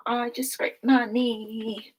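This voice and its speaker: A woman's voice: fairly high pitch, flat delivery, slow pace, slight background noise. A young woman, giving a casual recorded history lesson in a chatty, informal way, full of asides and filler words. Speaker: history teacher.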